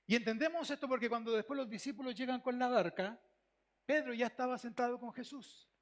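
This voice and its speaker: Un pastor con acento chileno que predica con énfasis, repitiendo frases y haciendo preguntas a la congregación. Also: male voice, very high-pitched, brisk. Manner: emphatic, repeats phrases, asks the congregation questions. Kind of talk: sermon.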